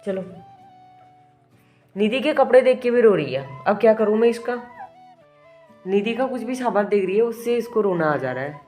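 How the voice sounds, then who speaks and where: A woman's voice: mid-range voice, lively intonation, moderate pace, pauses often, mellow, faint music behind. A young woman chatting casually at home while her child cries, fondly scolding the child now and then, with a headache. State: has a bad headache. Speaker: vlogger, mother. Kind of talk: casual home vlog chat. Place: home, indoors.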